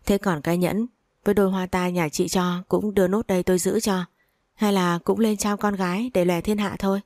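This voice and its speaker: A woman's voice: mid-range voice, level tone, fairly quick, darkish tone, dry recording, studio quality, close to an everyday voice. A woman reading the lines of a greedy, spiteful older mother-in-law who scolds and curses. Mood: cold. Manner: scolding, cursing, sneering.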